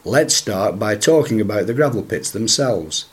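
Croaky, husky male podcast host. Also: on the low side, animated, normal speed. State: croaky, hoarse from a chest infection. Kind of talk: scripted podcast introduction and interview questions.

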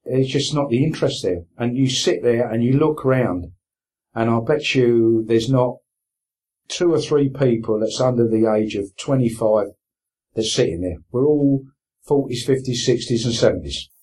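The veteran sea angler, a man in his sixties from Essex, England, has a warm, mid-range voice and speaks at a normal pace. As an interview guest he talks plainly and casually with an Essex accent and colloquial turns of phrase, though the recording quality is low.

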